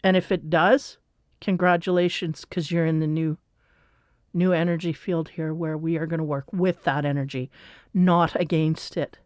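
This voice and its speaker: Smooth-voiced woman telling a story. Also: deep voice, fairly even intonation, normal speed, darkish tone, dry recording, clean studio sound. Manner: rambling, confessional storytelling. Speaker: energy reader. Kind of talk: casual spiritual monologue.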